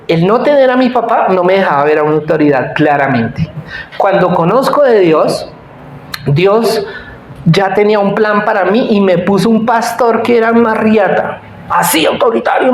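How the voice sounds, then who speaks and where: A man preaching a conversational sermon, telling personal stories and often checking in with his congregation. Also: high-pitched. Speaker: pastor. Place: church hall. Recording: echoey church hall, faint room noise.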